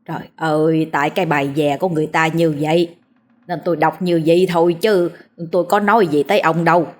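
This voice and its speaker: A woman's voice: deep voice, fairly even intonation, darkish tone, natural voice. A woman doing a slurring drunk old villager. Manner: slurred, drawn-out chanting.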